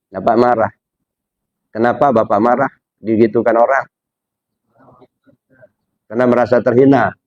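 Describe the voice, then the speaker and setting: Indonesian religious teacher, conversational, dry. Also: male voice, mid-range voice, a little mellow, dry recording, dull audio. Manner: conversational, addresses listener as Pak, frequent "ya, dah" and rhetorical questions. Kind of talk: informal religious teaching to a listener.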